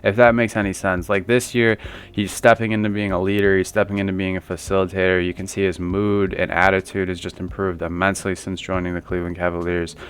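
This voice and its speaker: A man's voice: low voice, little pitch movement, quick pace, clean tone. A man hosting a sports commentary channel, talking through viewer takes in a rambling, conversational way with lots of fillers. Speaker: basketball commentary channel host.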